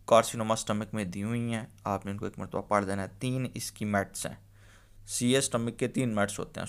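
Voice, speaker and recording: A man's voice: mid-range voice, creaky. A man giving a medical exam-prep lecture. He repeats key terms and keeps checking in with the listener. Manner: explanatory, repeats key terms, frequent "theek hai". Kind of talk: exam-prep lecture mixing Hindi-Urdu and English.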